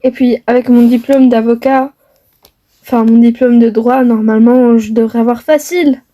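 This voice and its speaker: A woman's voice: a little high, fairly even intonation, moderate pace, warm tone, close to an everyday voice. Woman playing an earnest young man in love. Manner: earnest, hesitant with many fillers. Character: young man in love, defiant toward his mother. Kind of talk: homemade family skit.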